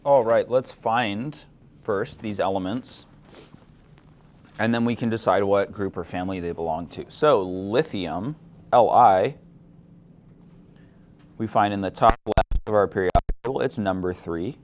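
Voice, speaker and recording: Low-voiced male chemistry teacher lecturing. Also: a little slow, pauses often. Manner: relaxed and explanatory, asks the class questions. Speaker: chemistry instructor. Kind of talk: classroom lecture. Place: classroom.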